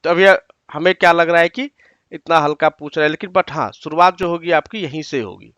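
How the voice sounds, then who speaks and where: Male teacher, higher pitch, dry close sound; slows down for each example sentence, explains word by word. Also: fairly bright tone, no echo, highs cut off. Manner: explains word by word, repeats often. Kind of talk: online exam-prep lesson.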